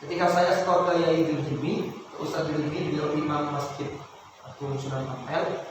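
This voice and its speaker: Brief: Javanese male recitation teacher, slightly high, tired voice, heard from afar in an echoey hall. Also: steady tone. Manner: explains then chants verses slowly in melodic tones. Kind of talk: Quran recitation lesson with chanted examples. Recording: echoey hall, distant mic, noisy.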